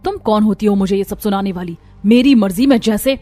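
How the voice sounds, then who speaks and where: एक महिला एक कार्टून कहानी में एक घमंडी, लापरवाह युवा माँ की आवाज़ दे रही है, तीखे और टालने वाले अंदाज़ में।. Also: female voice, mid-range voice, brisk, lightly acted. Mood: haughty. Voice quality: sharp, dismissive. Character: arrogant young modern wife, careless mother. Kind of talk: Hindi cartoon voice acting. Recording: light music behind voice.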